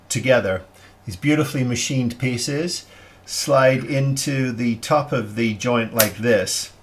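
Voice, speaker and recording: A man of middle pitch walks through a hobby model build at an unhurried, slow pace. He talks half to himself, trailing off and restarting as his hands stay busy. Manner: unhurried, halting, thinking aloud with many fillers.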